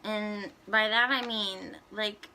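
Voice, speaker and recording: Bright-voiced young woman ranting bluntly. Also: mid-range voice, steady tone, slow, slight background noise. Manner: blunt, swears often, laughs between points. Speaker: vlogger. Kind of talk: casual ranting countdown.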